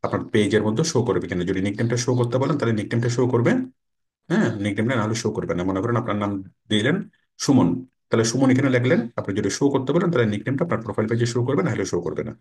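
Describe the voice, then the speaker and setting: A man's voice: medium pitch, lively intonation, very fast, a little mellow. A man teaching a screen-recorded tutorial, explaining step by step and reading out English menu labels. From Bangladesh. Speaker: online course instructor.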